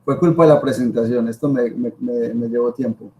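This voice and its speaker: A man's voice: mid-range voice, fairly even intonation, a little fast, a little mellow. A man with a Colombian accent giving an informal lecture as a professor, emphatic, repeating himself and asking rhetorical questions. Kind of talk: informal spoken lecture to students.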